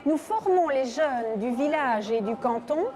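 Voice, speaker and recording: A middle-aged woman who founded a heritage association gives an outdoor interview at a church event, with a crowd audible behind her. Her voice is high with lively intonation, and she speaks at a measured pace, enthusiastic but full of hesitations.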